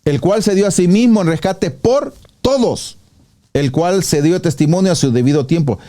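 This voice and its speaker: Pastor teaching verse by verse, mellow. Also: male voice, sits high, expressive, moderate pace. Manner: reads verses aloud and rebuts, asks rhetorical questions. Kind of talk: teaching sermon.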